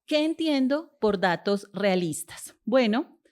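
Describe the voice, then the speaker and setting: Mujer conferenciante de voz algo aguda. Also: female voice, on the high side, lively intonation, takes it slowly, darkish tone. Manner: explanatory, rhetorical questions, frequent hesitations. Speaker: linguistics lecturer. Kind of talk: academic conference lecture.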